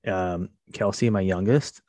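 A man's voice: sits low, steady tone, unhurried, darkish tone, no echo. A middle-aged man, a podcast host, talking in a casual, rambling monologue full of fillers. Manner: rambling, conversational with many fillers.

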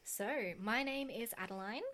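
A woman's voice: a little high, a little slow, a bit bright. A woman, co-hosting a podcast in a chatty, self-deprecating way. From Australia. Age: 20s. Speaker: podcast co-host. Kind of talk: casual chat.

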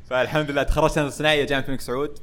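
A young man, a podcast guest in casual chat, speaking loudly with lots of laughter. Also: on the high side, very fast. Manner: loud, lively, laughs often.

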